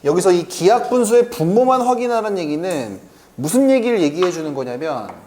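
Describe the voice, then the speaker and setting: A man teaching a math lesson, who keeps asking the class quick questions and then answers them himself. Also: sits high, big pitch swings, warm tone. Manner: keeps checking in with quick rhetorical questions to students; answers his own questions aloud.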